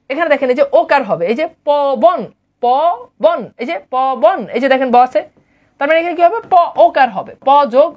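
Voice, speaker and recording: A woman teaching a grammar lesson online, repeating points and quizzing her listeners. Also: sits high. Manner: repetitive, drilling, quizzes listeners often.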